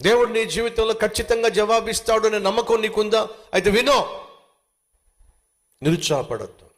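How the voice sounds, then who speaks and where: A man's voice: high voice, moderate pace. A male pastor preaching a sermon, with emphatic repetition and direct questions to the listeners.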